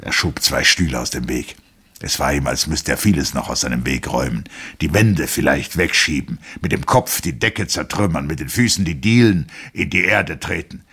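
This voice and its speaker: A man narrating a novel in a measured radio reading. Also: very deep voice, expressive, sharp tone, husky.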